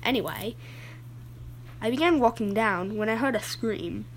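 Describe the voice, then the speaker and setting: A woman's voice: a little high, measured pace, slight background noise, low-quality recording. A woman voicing a goofy, rambling adult male dad who keeps getting sidetracked in his story.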